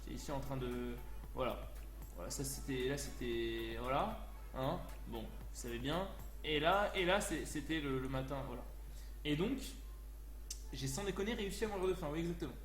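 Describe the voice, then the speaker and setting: A man streaming live, telling a story casually in an animated, crude way with lots of fillers. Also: mid-range voice, normal speed. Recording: roomy echo, faint music.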